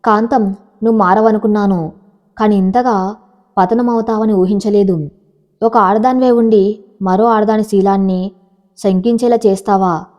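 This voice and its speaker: A stern old grandfather with a cane who speaks with grave reproach, as a woman narrator reads his lines. The voice is mellow and dark-toned. The recording sounds dull and lo-fi. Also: mid-range voice, fairly even intonation, moderate pace, pauses often, lightly acted. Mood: reproachful.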